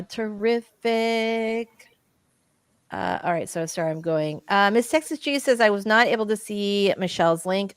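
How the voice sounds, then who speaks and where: A woman's voice: fairly low pitch, fairly bright tone, clean tone, no echo. A woman co-hosting a casual live-stream chat, reading viewer comments aloud and talking with many restarts. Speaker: livestream co-host.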